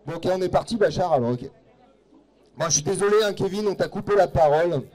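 A man hosting a live chess event, presenting a guest with lively, teasing introductions over a microphone. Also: high voice, fast. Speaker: event host.

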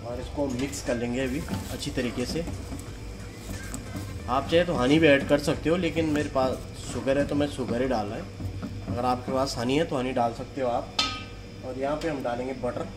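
A man's voice: medium pitch, normal speed, over music. A man, a chef, explaining a recipe step by step in a kitchen cooking demonstration.

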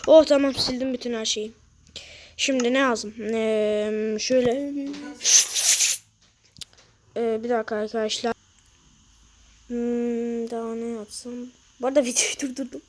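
Brief: a woman with a somewhat high voice, chatty gameplay commentator, faint hiss behind her. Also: fairly even intonation, measured pace, long pauses, darkish tone. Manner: muttering to herself, adding sound effects. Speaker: Minecraft video creator.

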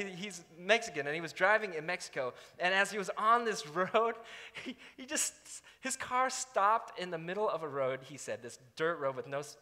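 A man giving a storytelling sermon, animated and self-mocking, acting out his own quotes with energy. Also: high-pitched, long reverb tail.

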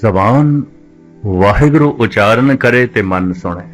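A man with a low voice delivers a slow religious discourse as a Sikh preacher. He repeats phrases for weight and draws out quoted scripture in a chanting cadence. Faint music sits beneath his voice. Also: expressive.

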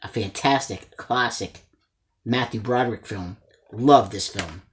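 In a small room lined with shelves of discs, an enthusiastic man in his forties who runs a movie-collecting channel shows off a haul to the camera. He chats casually, often calling his viewers "guys," in a fairly low voice at a slightly slow pace, with a bit of hiss or hum.

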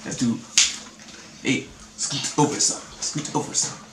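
Man in an echoey room, casually hosting. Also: a little slow. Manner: coaching with short repeated instructions. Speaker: challenge host. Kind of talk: casual chat. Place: small room at home. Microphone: camera a short distance away. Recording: roomy echo, clear background noise.

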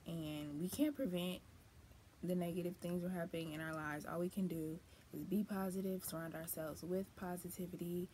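A woman's voice: fairly low pitch, level tone, normal speed, warm tone, a little hiss or hum. A woman and new mother vlogging about motherhood in a candid, chatty way, with folksy phrases and emphatic lifts. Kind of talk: personal casual vlog talk.

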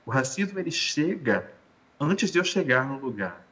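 A man giving a measured, explanatory talk in an educational conversation, often rephrasing himself. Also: medium pitch, big pitch swings, a bit bright. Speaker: guest lecturer.

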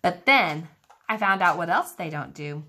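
A woman teacher reads a picture book aloud to young children, her bright voice rising and falling with lively expression. She pauses to ask her listeners about the pictures and draws them into the story. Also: fairly low pitch. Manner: engaging, asks the listening children questions.

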